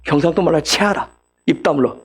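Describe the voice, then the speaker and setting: A man delivering an animated sermon, his voice high-pitched and swinging widely. A gravelly, husky edge runs through his speech. He keeps asking his listeners questions and acts out short prayers and answers in character. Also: fairly quick. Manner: animated teaching with frequent rhetorical questions; acts out quoted prayers and replies in dialogue. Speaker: preacher.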